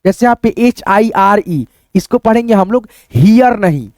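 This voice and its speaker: A man's voice: high voice, expressive, normal speed, a little mellow, no echo, clean studio sound. A man teaching beginners how to read English words, spelling them out letter by letter, repeating each answer and quizzing his viewers. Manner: keeps asking the viewers what to read. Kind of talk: phonics lesson for beginners.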